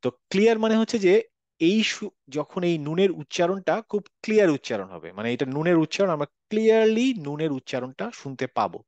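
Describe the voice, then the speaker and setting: A man's voice: high voice, sing-song, fast talker, darkish tone, dry recording, lo-fi sound. A man teaching a Quran recitation class online, patiently repeating examples and checking that students follow. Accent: Bangladeshi Bengali.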